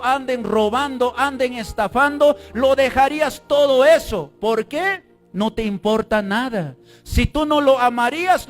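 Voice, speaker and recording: Fervent high-voiced male preacher. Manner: fervent preaching, bursts into shouts, calls on the congregation to repeat after him. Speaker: pastor. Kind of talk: sermon.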